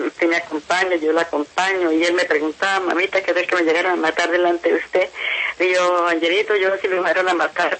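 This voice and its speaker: A woman's voice: fairly low pitch, fairly bright tone, slight background noise, poor audio. A middle-aged Colombian woman giving emotional testimony about her family, pleading and repeating herself. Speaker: interviewee, mother of a kidnapped son.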